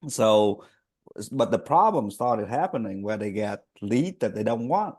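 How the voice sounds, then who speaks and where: A man hosting a casual podcast interview. His speech is halting, with restarts, and his grammar is slightly nonstandard. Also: on the low side, very animated, a little mellow, slightly rough. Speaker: podcast host.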